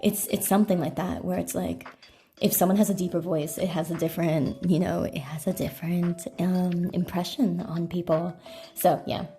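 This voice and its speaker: This is a woman on a casual livestream, snacking and chatting in a loose, rambling way through her phone's microphone in an echoey room at night. She calls her own speaking voice deeper; here it sounds warm, with fairly even intonation and a moderate pace.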